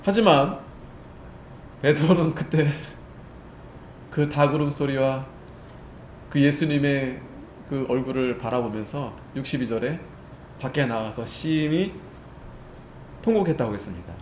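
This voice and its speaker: A male pastor preaching a Sunday sermon in a conversational way, often checking in with the congregation and swinging between loud and soft as he acts out the story. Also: medium pitch, unhurried, long pauses, a little hiss or hum. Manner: conversational, keeps checking with listeners. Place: church sanctuary. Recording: echoey church room, faint ambience.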